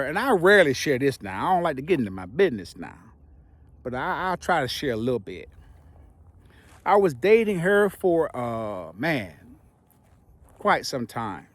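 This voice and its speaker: Animated, high-voiced man talking through retainers. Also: dry recording. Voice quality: slightly impeded speech from wearing retainers. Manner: playful, emphatic, with dramatic pauses and folksy asides. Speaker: vlogger giving relationship advice. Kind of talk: casual direct-to-viewer advice talk.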